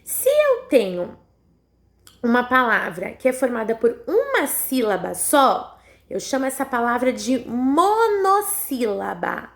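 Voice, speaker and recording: A high, lively woman's voice with a Brazilian Portuguese accent, a schoolteacher recording a lesson for young kids. She talks slowly and patiently, drawing out each word syllable by syllable and checking in with her pupils after almost every sentence. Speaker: primary school teacher.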